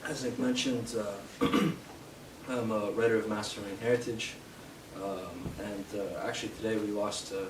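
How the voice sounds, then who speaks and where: A young man from Canada giving a live poetry reading in a bookshop, hesitant with fillers between poems and steady in his verse. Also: lowish voice, measured pace. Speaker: poet. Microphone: distant from the mic. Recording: roomy, distant, noisy live room sound.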